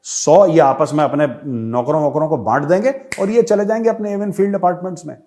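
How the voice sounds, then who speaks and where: Brief: sarcastic male host of a political commentary show, higher than average voice. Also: brisk, slight background noise. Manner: sarcastic, mocking, animated. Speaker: host, retired army major.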